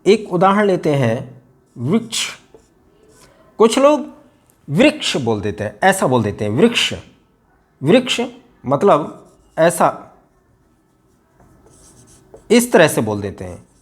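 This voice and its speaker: Slow, deliberate man teaching pronunciation. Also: fairly high pitch. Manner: slow, deliberate, repeating sounds and words for emphasis; formal, shuddh Hindi. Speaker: Hindi teacher. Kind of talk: pronunciation lesson.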